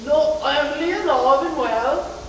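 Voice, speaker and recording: A high school actor playing a scheming tramp with a high-pitched, drawn-out showman's pitch, hustling every line. The voice is heard from far off in a very echoey school hall with long reverb and faint hiss, caught on an old camcorder. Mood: pushy. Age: teens. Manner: theatrical salesman's patter, drawn-out emphasis. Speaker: student actor. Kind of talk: 1980s high school stage play. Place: school auditorium stage. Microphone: distant camcorder mic.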